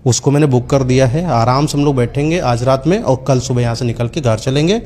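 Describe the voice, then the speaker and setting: A man's voice: medium pitch, fairly quick, darkish tone, a little hiss or hum, natural voice. A man voicing a cruel, scheming young man who sneers and hurls insults in a spoken horror story, close to his own voice. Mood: coaxing.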